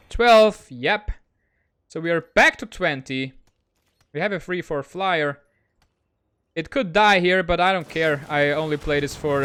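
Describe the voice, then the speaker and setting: This is a man with a notably high voice giving gameplay commentary. He talks quickly and excitably and pokes fun at himself. Faint background music plays beneath him. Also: clean tone. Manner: excitable, quick, self-mocking. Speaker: gaming channel host.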